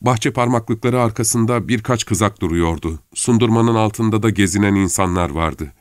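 A man calmly narrating a story in a measured audiobook style. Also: lowish voice, no room sound, clean studio sound.

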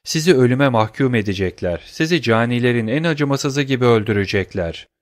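A man's voice: mid-range voice, expressive, brisk, lightly acted. A man voicing a cold, scornful young woman in an audiobook, speaking in a cutting, contemptuous manner.

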